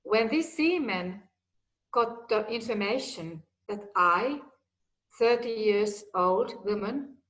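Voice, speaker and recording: This woman from Finland, a guest executive with Finnish or Swedish as her first language, talks personally at a slow, deliberate pace using simple phrasing. She sounds animated and a bit bright at medium pitch, though the recording is rough.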